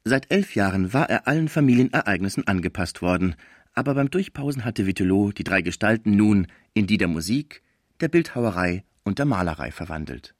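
A man reading a classic novel aloud as scripted narration in an expressive storytelling manner. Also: lowish voice, brisk, no room sound, studio quality. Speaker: audiobook reader.

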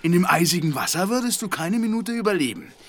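An actor playing a young stranger who teases and taunts in a radio drama, with a playful, mocking manner. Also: male voice, high voice, very animated, fast talker, a bit bright, slight background noise. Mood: teasing. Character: smooth teasing young stranger.

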